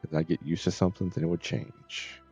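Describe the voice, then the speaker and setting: A middle-aged man with a deep, gravelly, slightly mellow voice chats casually while live streaming a game, rambling in an easygoing way at a fairly quick pace with fairly even intonation. The stream audio sounds dull and a bit muffled, with faint game music behind him.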